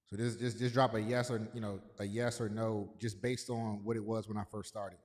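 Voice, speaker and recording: A man's voice: fairly low pitch, level tone, moderate pace, darkish tone. A man hosting a livestream in a casual, loose way, often repeating himself and greeting chat viewers by name. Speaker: livestream host. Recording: long echoey reverb.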